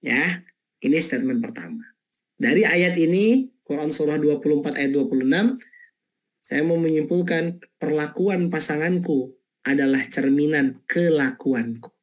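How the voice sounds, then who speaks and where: Husky Indonesian preacher. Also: male voice, on the high side, normal speed, pauses often. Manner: lively, storytelling, rhetorical questions. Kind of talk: sermon webinar talk.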